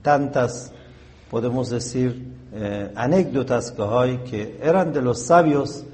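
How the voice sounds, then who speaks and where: A man speaking slowly in a mellow, warm voice, recounting a story of faith as a religious teacher. He pauses often with fillers and clears his throat between phrases. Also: medium pitch.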